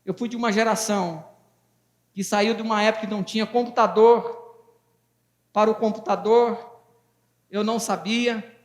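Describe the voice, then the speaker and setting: Speaking at a moderate pace with frequent pauses, a Brazilian man in his fifties delivers a fervent, folksy sermon in a high, steady voice. As a pastor, he trades jokes with the congregation, and the church hall gives the audio a long, echoey reverb.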